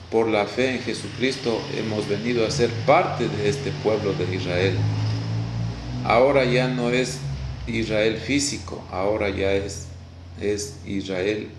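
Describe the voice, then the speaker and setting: A man from Ecuador with an Ecuadorian Spanish accent, preaching a video sermon in a halting way, repeating words and often saying "Gloria a Dios.". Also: fairly low pitch, roomy sound, noisy background.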